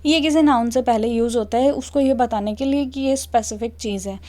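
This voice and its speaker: Young Indian woman, patient English teacher, slightly high voice with a mellow tone, checks in often. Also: a little fast. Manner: patient, checks understanding with "okay" and "clear?". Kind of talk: classroom explanation.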